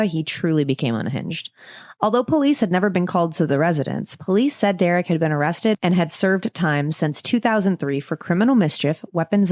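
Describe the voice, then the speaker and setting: A woman co-hosting a podcast, reading a true-crime story from a script and breaking off into casual, jokey asides. Her voice sits on the low side, and the close mic gives a dry sound with no room. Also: no echo. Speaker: podcast co-host.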